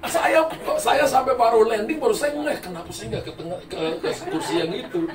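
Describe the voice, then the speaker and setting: A man's voice: extremely high pitch, lively intonation, a little fast, a crowd in the background. A man pastor preaching a sermon to a congregation, telling funny stories and laughing often as he goes. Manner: humorous storytelling, laughing often. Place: church hall. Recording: roomy echo from far mic, music. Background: music.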